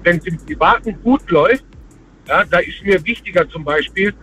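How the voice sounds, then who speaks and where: A man's voice: high voice, normal speed, sharp tone, faint music behind. A man calling in to a radio show over a phone line from the road, talking hesitantly with many fillers. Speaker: radio call-in caller. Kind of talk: casual call-in chat.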